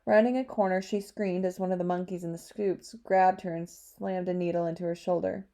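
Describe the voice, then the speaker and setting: A woman narrating an audiobook chapter with a steady storytelling delivery. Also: fairly low pitch, brisk. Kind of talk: scripted narration.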